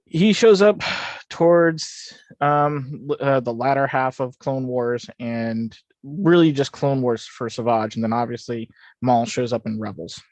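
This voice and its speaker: A man's voice: medium pitch, measured pace, a little mellow, no room sound. A man co-hosting a casual watch-along livestream, explaining lore with plenty of fillers and restarts. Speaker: podcast co-host.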